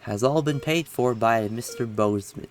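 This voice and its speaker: A man voicing a brisk female hospital doctor in a game, reading her lines in a matter-of-fact way. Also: medium pitch, soft background music, natural voice.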